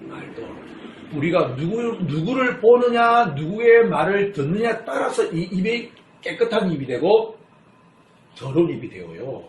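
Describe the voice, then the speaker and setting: A man preaches a sermon as pastor, animated and storytelling, his fairly high voice leaping up and down. He keeps asking the congregation questions. The sound is roomy, with a faint hiss under it. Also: normal speed. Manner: asks the congregation rhetorical questions; lively storytelling. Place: church sanctuary. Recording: echoey church hall.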